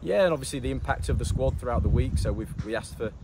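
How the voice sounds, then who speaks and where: A man, a football manager giving a post-match interview in a measured way, often saying "obviously" and restarting his phrases. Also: medium pitch, animated, creaky. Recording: loud outdoor noise with traffic.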